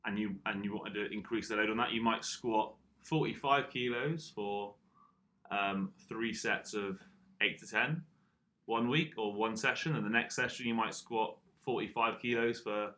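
Bright-voiced man giving fitness advice. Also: mid-range voice. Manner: explains training step by step. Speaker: podcast co-host. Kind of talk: casual podcast chat.

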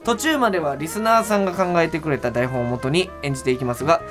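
A man's voice: on the high side, fast talker, music in the background. A man hosting a radio show, reading listener mail and joking with his guests. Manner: joking, laughs often, leads the segments. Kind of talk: casual radio chat.

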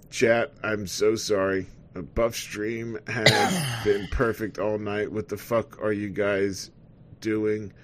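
Low-voiced, profane male co-host. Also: slight background noise. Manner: profane, rambling, frequent fillers. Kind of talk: casual chat while watching a fight stream.

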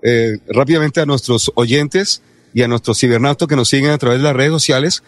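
A man's voice: mid-range voice, brisk, dry recording. A man reporting live from a location for a sports radio show, chatty and describing the scene around him. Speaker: field reporter.

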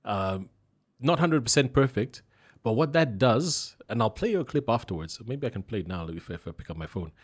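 A man's voice: medium pitch, normal speed. A man from Zambia, a voice-over artist, telling stories casually in an interview and laughing often. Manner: relaxed storytelling, laughs often, many restarts.

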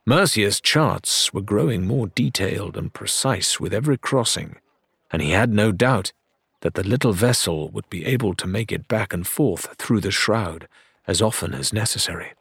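A man reading a story aloud as narrator, in measured storytelling delivery. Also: lowish voice, gravelly, slightly rough, no room sound, clean studio sound. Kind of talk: scripted audiobook narration.

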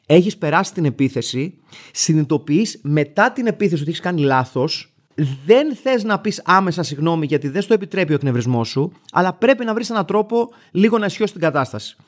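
A man in his thirties from Greece, hosting a show and telling an everyday story in a wry, animated way, acting out the other people's lines. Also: fairly high pitch. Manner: wry, animated, acts out dialogue in a raised voice. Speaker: radio show host. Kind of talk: casual storytelling monologue.

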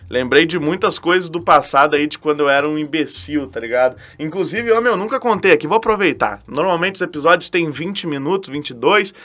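A young man with a southern Brazilian gaúcho accent, hosting a podcast and telling a self-mocking story in animated, profane slang. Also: fairly high pitch. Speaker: podcast host. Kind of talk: casual storytelling monologue.

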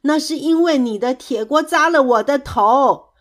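A woman's voice: high-pitched, lively intonation, a little slow, warm tone. A woman doing a clumsy, stubborn young critter. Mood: eager.

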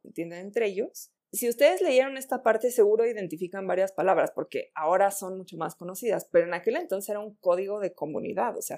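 A woman's voice: mid-range voice, warm tone. A woman teacher giving a class lecture, talking casually and often checking in with her students with rhetorical questions. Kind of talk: recorded online class lecture.

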